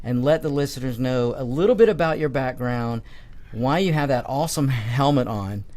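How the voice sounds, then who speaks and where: A man's voice: medium pitch, animated, moderate pace, a little mellow. A man hosts an interview show, eagerly agreeing with his guest and repeating her points back to her. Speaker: talk show host. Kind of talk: casual interview talk.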